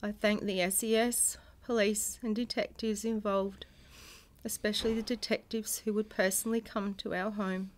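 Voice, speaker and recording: A middle-aged woman, a bereaved mother reading a prepared personal statement in a solemn, measured way, in grief. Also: mid-range voice, flat delivery. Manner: solemn, measured delivery in short phrases. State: grieving.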